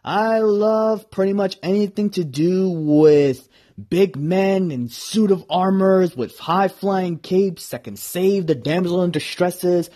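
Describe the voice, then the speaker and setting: A man's voice: high-pitched, takes it slowly, mellow. A man in his twenties hosting a solo podcast in a casual, rambling way. He is enthusiastic and self-deprecating. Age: 20s. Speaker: podcast host.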